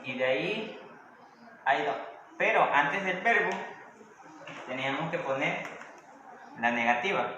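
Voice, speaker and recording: This is a recorded classroom lesson where an English teacher explains grammar step by step and regularly checks in with questions. His voice is on the high side, pushed and bright, with the highs cut off, in an echoey room with faint noise.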